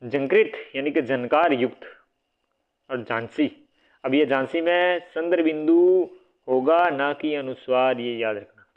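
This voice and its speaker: A man's voice: mid-range voice, measured pace. A man teaching a casual exam-prep spelling lesson, repeating each word and quizzing his listeners, sometimes correcting himself. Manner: repeats words, quizzes listeners with "what will it be?"; self-correcting, casual asides. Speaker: Hindi grammar teacher. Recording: phone-like narrow band audio.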